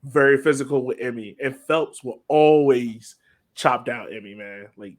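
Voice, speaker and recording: This is a man co-hosting a soccer podcast, talking about the match in a relaxed, informal back-and-forth. His pitch is medium and he speaks at a normal pace.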